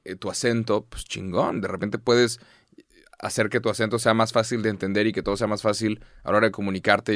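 A man's voice: on the low side, a bit bright, dry recording, clean studio sound. A young Mexican man co-hosting a podcast, chatting casually with lots of slang and swearing. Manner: slangy, profane, emphatic. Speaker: podcast co-host. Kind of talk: casual chat.

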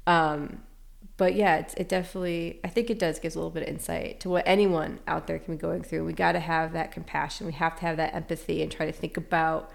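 Woman, interview guest, low pitch, gravelly, candid, reflective. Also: little pitch movement, fast. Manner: candid, reflective, laughs easily. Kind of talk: casual emotional interview.

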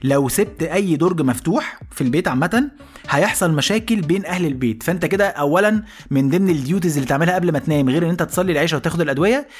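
A man with an Egyptian accent hosting a comedy podcast, telling stories in an animated monologue and slipping into voices. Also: a little high, husky, faint music behind. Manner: rapid, animated, jumps into voices. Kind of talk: comic storytelling monologue.

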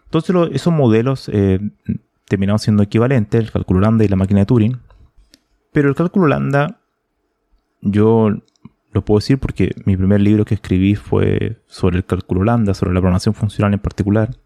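A man's voice: on the low side, fairly quick, gravelly, warm tone, no echo. A man who authored a programming book, thoughtfully explaining technical ideas in a conversational way and often checking in with a questioning tag.

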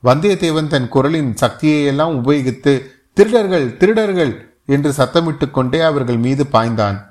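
A male audiobook narrator reading a historical novel. His delivery is measured and steady, with mid-range pitch.

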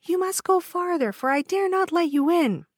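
A woman voicing a timid young girl who speaks high and fearful. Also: lively intonation, normal speed, no echo, clean studio sound.

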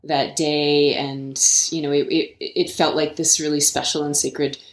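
A woman's voice: low voice, flat delivery, a little slow. A woman speaking as a podcast guest, reflective and casual, often repeating small words. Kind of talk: casual chat. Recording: echoey room.

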